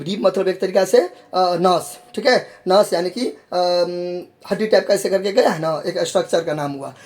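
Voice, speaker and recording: A man's voice: high-pitched, a little mellow. A man teaches biology in a classroom style. He repeats each point and answers his own questions. He coaxes the students along as he shows them a real leaf. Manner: calls students "babu log" in a coaxing tone.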